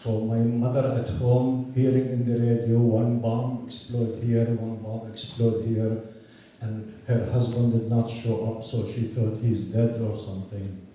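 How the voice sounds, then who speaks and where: Older guy from palestine speaking slow at an outdoor rally, dark mellow voice, far off and echoey. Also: medium pitch, flat delivery, highs cut off, slight background noise. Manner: earnest, measured storytelling with restarts. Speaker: rally speaker, university professor. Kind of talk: rally speech.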